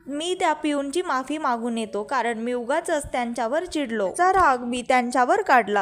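A young woman narrating a recap of a TV serial episode and quoting each character's lines in turn. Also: high-pitched. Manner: retells scenes by quoting each character in her own voice. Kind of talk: storytelling recap with quoted dialogue.

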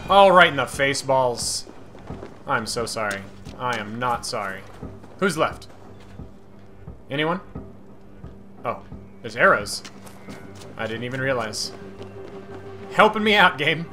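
A man giving casual gameplay commentary as a streamer, excitable and cursing at enemies while game music plays. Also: mid-range voice, takes it slowly, pauses often. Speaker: gaming streamer. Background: game audio and music.

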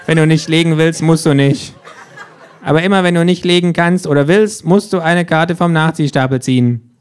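A man reads in audiobook style as a cheeky, sardonic talking kangaroo, lecturing everyone about the rules with smug mockery. His voice sits a little high and pushed up, smooth and near his everyday sound, at a normal speed.

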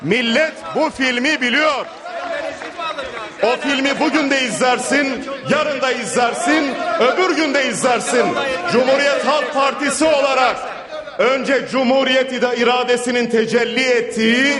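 A man delivering a formal, emphatic parliamentary speech at a rostrum microphone in a large chamber. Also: very high voice. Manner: emphatic, repetitive oratory. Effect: speaking at a rostrum microphone. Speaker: member of parliament. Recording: long hall reverb.

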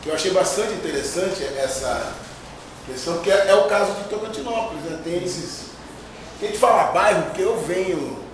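A man from São Paulo giving a loose, conversational talk as a guest lecturer in a large lecture hall. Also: on the high side. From São Paulo, Brazil. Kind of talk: lecture discussion. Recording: echoey hall, distant noisy mic.

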